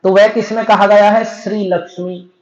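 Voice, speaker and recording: A man teaching a scripture discourse, explaining step by step and chanting verses slowly. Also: high voice, level tone, a little mellow. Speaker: spiritual teacher. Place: temple hall. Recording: echoey, dull lo-fi recording.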